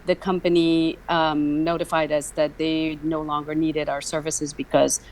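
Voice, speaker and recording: A woman's voice: low voice, flat delivery, unhurried, darkish tone, slight background noise, poor audio. A woman in her fifties, from Guyana, chatting as a guest on an interview show with frequent ums. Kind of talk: casual interview talk.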